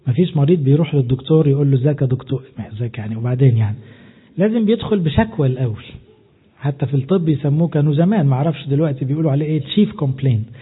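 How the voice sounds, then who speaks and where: Husky Egyptian preacher on a tinny line. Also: male voice, fairly high pitch, expressive, very fast. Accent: Egyptian Arabic. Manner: conversational teaching with rhetorical questions and lists. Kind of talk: sermon. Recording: tinny phone-like sound.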